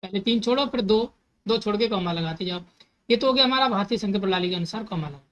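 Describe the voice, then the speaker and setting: A woman's voice: medium pitch, fast talker, lo-fi sound. A woman teaching a math lesson step by step, number words into her talk, repeating steps and asking herself questions as she goes.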